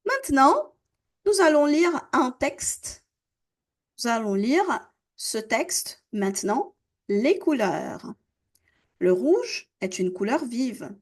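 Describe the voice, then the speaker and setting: A woman teaching French to beginners, slowly repeating each word and explaining its pronunciation. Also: high voice, big pitch swings. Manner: slow, deliberate pronunciation drills, repeating words. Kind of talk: slow, careful language lesson.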